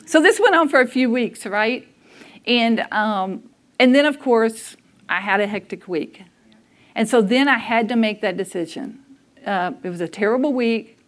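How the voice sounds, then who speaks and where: Brief: woman, conversational sermon, candid storytelling, voice a touch high. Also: expressive, moderate pace. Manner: conversational, candid, laughs at herself. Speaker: speaker at a church service. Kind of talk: sermon with personal stories.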